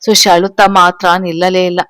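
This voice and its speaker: A woman's voice: on the low side, level tone, brisk, a bit bright, no echo. A woman narrating a storybook tale, reading every character's lines in her own voice.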